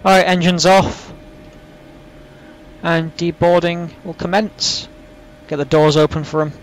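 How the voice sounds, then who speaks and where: A flight sim host gives casual, rambling gameplay commentary, poking fun at himself. His voice is a little high, steady, and slightly slow, and he can't say his R's properly, pronouncing them as W's.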